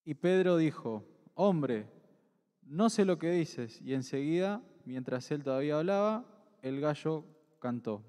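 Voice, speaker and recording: Man, measured scripture reading, fairly high voice, long church-hall echo. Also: animated, dark tone. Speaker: scripture reader.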